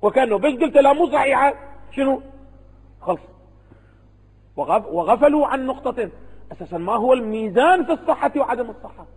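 A man's voice: extremely high pitch, lively intonation, a little fast, pauses often, darkish tone, slightly rough, in a large hall, poor audio. A man with an Iraqi Arabic accent, a religious scholar giving a seminary lecture to students, who keeps posing rhetorical questions and answering them himself.

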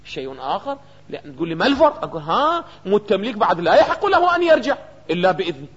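High-voiced Iraqi man lecturing in a hall. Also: big pitch swings, racing, fairly bright tone, husky. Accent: Iraqi Arabic. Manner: keeps firing rhetorical questions at students and answering them. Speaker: jurisprudence teacher. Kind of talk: seminary lecture on a legal text. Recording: reverberant hall, dull lo-fi sound.

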